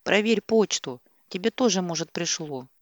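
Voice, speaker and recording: A distraught young woman voiced by a female reader pleads and shouts in an audiobook, her voice pushed up high and loud. The sound is dry and close, with no room around it. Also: animated, moderate pace, no echo. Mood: shouting.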